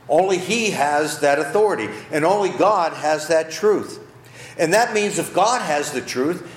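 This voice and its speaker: A man's voice: medium pitch, echoey room, a little hiss or hum, poor audio. A man preaching a sermon as a pastor, emphatic and given to repeating and rephrasing his points.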